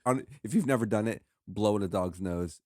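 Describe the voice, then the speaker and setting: A man's voice: fairly low pitch, fairly quick, darkish tone, no room sound, studio quality. A man in his thirties, a podcast guest, chiming in easily with short remarks in casual chat. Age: 30s.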